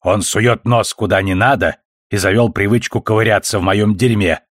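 A sharp-tongued elderly grandmother, blunt and curt, talking in a deep, low register, as a man reads her lines. The audiobook sound is close and dry. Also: a little slow, dry recording. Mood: gruff. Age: older. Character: blunt, foul-mouthed elderly grandmother politician.

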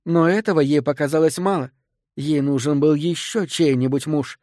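A man reading an audiobook, voicing a deranged grieving woman who confesses to a killing, hoarse with rage and near sobbing. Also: normal speed, mellow, no room sound, clean studio sound, lightly acted. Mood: spiteful. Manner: shrill, vengeful outbursts.

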